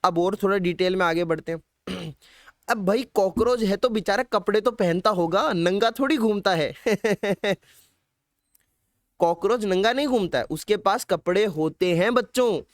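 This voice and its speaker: A man's voice: high voice, measured pace, no room sound, clean studio sound. A young man with a Hindi accent teaching biology in an online exam-prep lecture, repeating key facts and firing questions back at his students. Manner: drops in playful sung lines.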